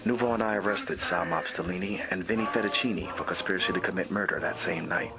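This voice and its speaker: Police detective, acted by a man: lowish, wry, deadpan, mock-serious hard-boiled narration over music. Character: wry, crude Newark police detective narrating his case. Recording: music behind the voice.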